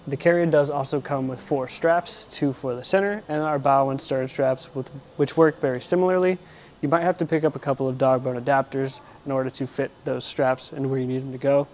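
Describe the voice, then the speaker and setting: Working around a vehicle in an indoor garage, a young male presenter in his twenties demonstrates a kayak carrier installation step by step in a casual way. His mid-range voice is steady and darkish, and he talks fairly quickly over slight background noise.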